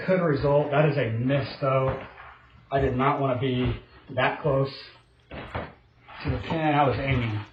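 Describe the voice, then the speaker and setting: A man, middle-aged, giving casual, low-key and self-critical golf commentary on his own play in an indoor simulator room. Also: fairly even intonation, a little slow, pauses often. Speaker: golfer narrating his own simulator round. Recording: roomy echo, slight noise, dull sound.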